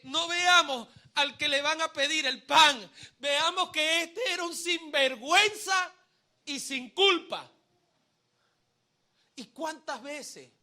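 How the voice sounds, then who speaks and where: A male pastor preaching a live sermon to a congregation, having them repeat phrases back and shouting the refrains, with humorous asides and sudden swings from hushed to loud. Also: very high voice. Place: church service before a congregation.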